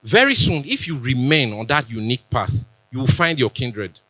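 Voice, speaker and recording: A man's voice: mid-range voice, big pitch swings, moderate pace, sharp tone, dry recording. A young Nigerian man with a Benin accent gives a chatty conference talk, joking and dropping into pidgin asides. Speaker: conference speaker. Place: conference stage.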